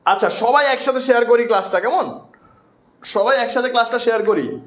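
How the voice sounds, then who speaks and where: A young man with a high, light voice runs a live online class and banters casually with his viewers. He repeats words for emphasis in a loose, friendly way. The room around him sounds echoey. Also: fairly quick, a bit bright. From Bangladesh. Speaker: online tutor.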